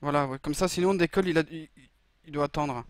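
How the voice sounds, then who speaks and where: A man's voice: a little high, fast talker, over a noisy crowd. A man improvising as a hostage-taker in an online roleplay game, speaking in a casual but firm way.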